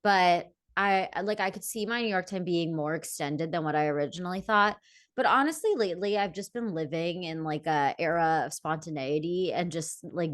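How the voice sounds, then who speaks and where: Young adult woman, podcast co-host; lowish pitch, easygoing and reflective, with lots of "like". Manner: relaxed, reflective, says "like" a lot. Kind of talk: casual chat.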